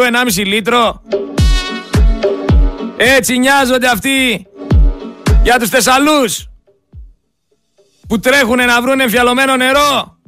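High-pitched guy ranting on the radio, sarcastic and fed up, loud music under him. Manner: indignant, sarcastic, addresses listeners as friends. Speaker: radio host. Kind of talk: angry political commentary.

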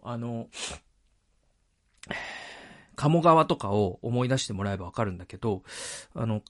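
A man hosting a solo podcast, talking reflectively into a microphone with frequent hesitations and self-corrections. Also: medium pitch. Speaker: podcast host. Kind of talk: solo podcast monologue about a book. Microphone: speaking into a microphone.

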